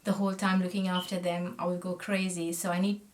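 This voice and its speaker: In a small indoor room with a plain backdrop, a woman from Sri Lanka in her thirties talks to a close camera while putting on makeup. The makeup vlogger's voice is fairly low, flat and brisk, and though friendly and chatty, she often lets sentences trail away.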